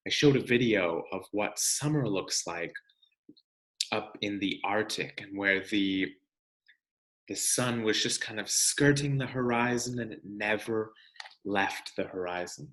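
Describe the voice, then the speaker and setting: Speaking as a teacher to young students, a man reads aloud from a children's science book, explaining things expressively and addressing them directly. His voice is fairly low and a little slow, and the poor audio is reverberant.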